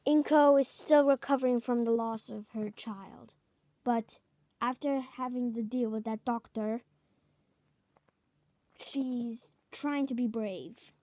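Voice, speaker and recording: A woman improvising a fan story out loud, halting and correcting herself as she goes. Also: fairly high pitch, dry recording. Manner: halting, self-correcting, clears throat.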